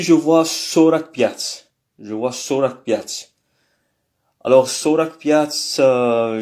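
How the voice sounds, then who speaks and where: A male language teacher with a mid-range, darkish voice gives a casual spoken language lesson, sounding hesitant and thinking aloud with many fillers.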